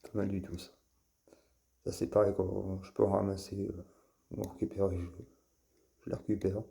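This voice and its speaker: Low gravelly-voiced man showing toy cars. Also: level tone, mellow. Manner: halting, with frequent fillers and restarts. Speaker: toy car collector and channel host. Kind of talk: casual show-and-tell vlog.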